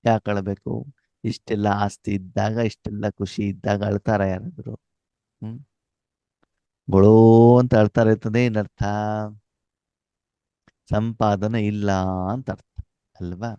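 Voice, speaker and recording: A man's voice: on the low side, flat delivery, slow pace, pauses often, warm tone, clear, resonant tone, no room sound, dull audio. A man giving a spiritual class, asking questions for the audience to finish and mixing in Hindi phrases. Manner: asks questions for the audience to complete; mixes Hindi phrases into his talk. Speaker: spiritual teacher.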